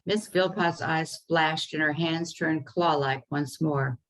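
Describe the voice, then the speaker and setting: A woman's voice: sits low, poor audio. Woman reading her children's story aloud. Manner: unhurried reading with occasional ums. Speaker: author reading her work. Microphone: video call.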